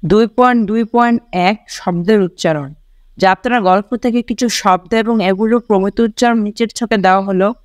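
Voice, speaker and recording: Measured tutor reading a school lesson. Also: medium pitch, dry recording. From Bangladesh. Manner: starts sentences with English "so", spells out pronunciations slowly and repeats words. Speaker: online tutor for school students. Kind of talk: reading a textbook lesson aloud.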